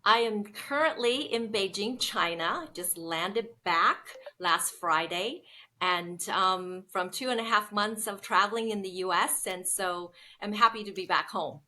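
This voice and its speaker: A business founder from Seattle in the United States tells her story as a guest in a casual interview, chatty and full of ums. Her mid-range voice is unhurried, pushed and bright.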